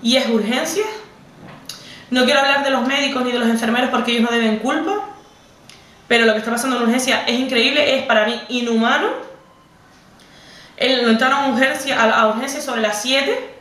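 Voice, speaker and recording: A young Canarian woman tells a personal story straight to camera. Her voice sits a little high for a woman. She keeps circling back and repeating herself as feeling builds. The sound is roomy and set back from the mic. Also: fairly even intonation, brisk, long pauses, a bit bright, recorded from a distance. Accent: Canarian Spanish. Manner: emotional, repetitive, conversational retelling. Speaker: vlogger.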